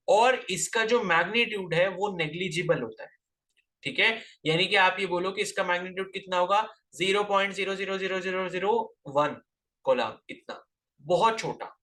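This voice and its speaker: A man's voice: high-pitched, bright, forceful tone. A man teaching a physics class, lecturing and scolding his students with rhetorical questions, terms into his speech.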